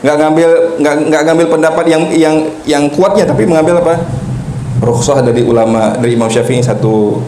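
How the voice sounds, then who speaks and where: A man's voice: a little high, brisk, mellow. A man giving a religious lecture to teachers. He often asks questions and then answers them himself, and he mixes in jokes. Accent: Indonesian. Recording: echoey room with faint noise.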